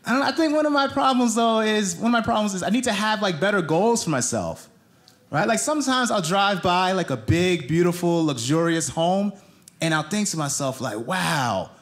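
Animated and high-pitched, a male comedian from New Jersey moves at a moderate pace through a live stand-up set. He's on a theater stage facing an audience, using a handheld mic that also captures crowd noise.

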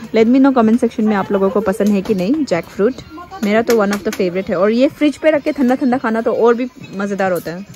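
A woman's voice: a little high, normal speed, warm tone. Chatty young woman vlogging at night. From Arunachal Pradesh, India. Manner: chatty, laughs often, mixes English words. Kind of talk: casual vlog narration. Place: village outdoors at night and inside a bamboo house. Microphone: phone camera held at arm's length.

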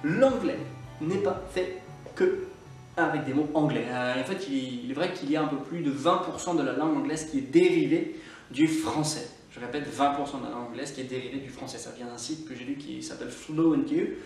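A man with a Scottish accent, an online English teacher giving a chatty, upbeat lesson to camera and repeating key words slowly for learners. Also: mid-range voice, a little mellow. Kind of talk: lively language lesson to camera. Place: indoor room, filmed live to camera. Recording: very echoey room, distant mic, faint music.

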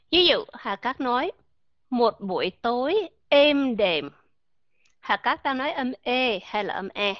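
A Vietnamese woman with a high-pitched voice teaches English pronunciation in an online lesson, patiently explaining, repeating example words and putting questions to her listeners. The recording is dry, dull and lo-fi.

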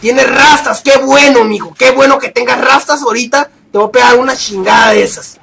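A young man with a Mexican accent, giving loud, profane commentary over his gameplay and shouting at the game. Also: very high voice, fairly even intonation, a little fast, creaky, a crowd in the background. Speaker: gaming video creator.

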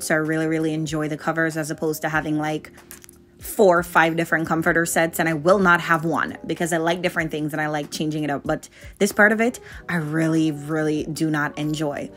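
Chatty woman vlogger from Jamaica, lowish voice. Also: a bit bright. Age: late 20s. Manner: chatty, candid, conversational. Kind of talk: casual voice-over narration.

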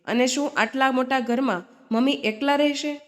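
A woman's voice: high-pitched, fairly even intonation, normal speed, natural voice. A woman doing a harsh disrespectful son. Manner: curt, accusing.

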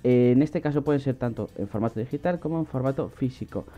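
A man's voice: mid-range voice, fast. Man explaining a website, lo-fi. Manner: casual explainer with frequent fillers and restarts. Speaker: online money-making channel host. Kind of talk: screen-recorded website walkthrough. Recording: slightly dull lo-fi audio with faint music.

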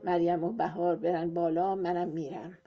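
A woman voicing a calm, protective young man who gives brief, firm instructions. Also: on the low side. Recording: muffled, soft music behind.

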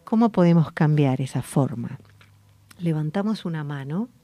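A woman with a Rioplatense Spanish accent, hosting a radio voice lesson in a calm, slow, guiding way. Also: sits low, dry recording. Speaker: voice coach and radio host. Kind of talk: gentle voice-coaching lesson. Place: radio studio.

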